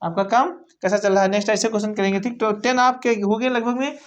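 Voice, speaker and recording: A woman giving a spoken English lesson, repeating each phrase slowly and asking the learners to say it back, and telling them not to feel shy. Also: medium pitch, little pitch movement. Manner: repeats each phrase slowly, asks "what will you say?". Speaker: English teacher.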